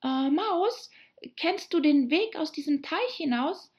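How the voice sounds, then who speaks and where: A woman's voice: high voice, expressive, takes it slowly, dull audio, voice pushed up, heavily acted. A woman voicing an eager, polite young girl who chatters on apologetically.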